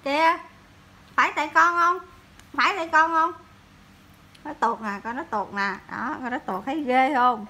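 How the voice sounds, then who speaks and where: A woman's voice: high voice, moderate pace, long pauses, bright, forceful tone. A mother talks to her baby in coaxing, cooing baby talk at home, asking sing-song questions over and over.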